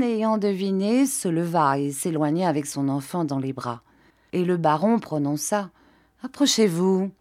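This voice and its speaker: A woman narrating a classic novel as an audiobook, with expressive storytelling. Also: deep voice. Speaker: audiobook reader.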